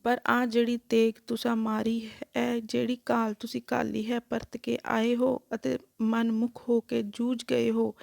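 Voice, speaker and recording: A woman voicing a merciful holy male teacher who calmly grants blessings. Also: on the high side, unhurried, vocal fry, hardly any pauses, dry recording, clean studio sound. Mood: solemn.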